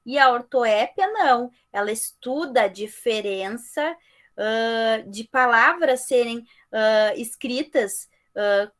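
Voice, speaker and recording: A woman teacher with a slightly high-pitched voice delivers an online class lecture over a video call. She speaks in short phrases and keeps checking in with "tá?" and "né?" as she explains. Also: takes it slowly. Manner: ends phrases with frequent "tá?" and "né?" checks.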